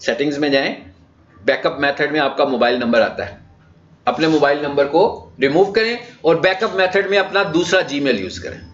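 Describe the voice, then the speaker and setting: A man with a Pakistani accent and a voice on the high side talks at normal speed during a digital marketing orientation session. His lecture is relaxed and conversational, mixing explanation with rhetorical questions, and the recording is flat and lo-fi.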